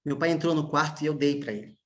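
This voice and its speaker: A man, a pastor preaching a sermon as emotional storytelling, with long pauses and hushed moments. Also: a little high.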